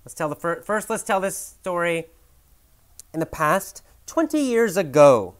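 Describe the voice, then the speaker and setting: A man teaching English through a short story, animated and expressive, slowing down for key lines and thinking aloud with fillers and self-corrections. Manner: animated storyteller, big swings in pitch and loudness, slows for key lines. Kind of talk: storytelling language lesson.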